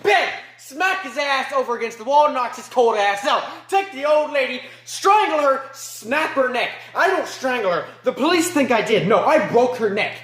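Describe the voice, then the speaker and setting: A man playing a remorseless male killer in an amateur film monologue, moving between low mutters and sharp outbursts. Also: lively intonation, normal speed, few pauses, roomy sound. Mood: gleeful, frenzied. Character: remorseless male killer recounting his crimes.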